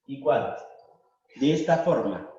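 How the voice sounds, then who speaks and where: Slow, deliberate man teaching in an echoey room. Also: mid-range voice, animated, warm tone. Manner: slow, deliberate, repeats and spells out words. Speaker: language teacher. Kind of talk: classroom lesson. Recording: echoey room, distant mic, dull sound.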